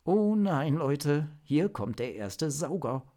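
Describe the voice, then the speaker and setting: Jumpy young hero, voiced by a male reader; high, hurried, alarmed, for a storybook. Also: expressive, a little mellow. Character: excitable young man, hasty and alarmed.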